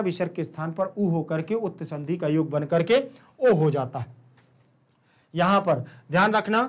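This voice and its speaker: A man teaching a recorded online lesson with a Hindi accent, explaining step by step, repeating terms and answering his own questions. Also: sits high. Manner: checks in with "ठीक" often.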